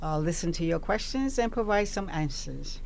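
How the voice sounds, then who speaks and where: A woman in her sixties, born in Barbados, speaking as a hospital operations chief on a radio show in a composed, measured way. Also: on the low side, expressive, gravelly, a little mellow, slight background noise. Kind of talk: radio interview guest.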